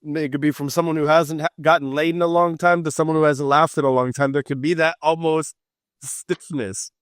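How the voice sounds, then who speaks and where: A Los Angeles psychic and mentor, speaking with a medium-pitched voice, guests on a casual podcast and chats in a relaxed, joking, loose way. He comes from Los Angeles in the United States. The audio is studio quality with no room sound.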